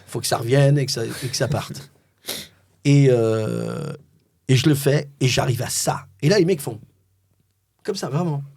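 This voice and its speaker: A middle-aged French man, a voice-over artist, telling a story in an animated, theatrical way and acting out the dialogue. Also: mid-range voice, unhurried, vocal fry, long pauses, no echo, studio quality. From France.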